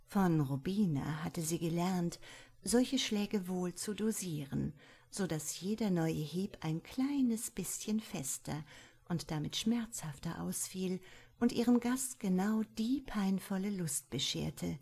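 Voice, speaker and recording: A woman reading a story aloud as scripted audiobook narration, soft and measured. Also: on the low side, creaky, slightly rough. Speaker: audiobook reader.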